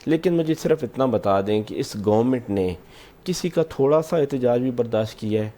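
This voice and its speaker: A man's voice: medium pitch, expressive, dark tone. A man appearing as an opposition lawmaker on a political talk show, insistent and pushing back against interruptions. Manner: insistent, talks over the host.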